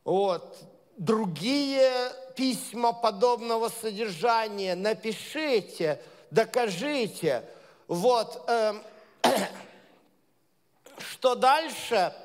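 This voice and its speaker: In the long reverb of a large hall, the leader of a Messianic congregation gives an informal sermon, chatting with many hesitations before building to emphatic points. His voice is high with lively intonation, and he draws out words and pauses often.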